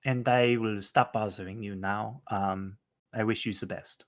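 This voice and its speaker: A man playing a tabletop role-play game, speaking in character in an earnest, gentle, formal way. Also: fairly low pitch, fairly even intonation, unhurried. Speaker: player.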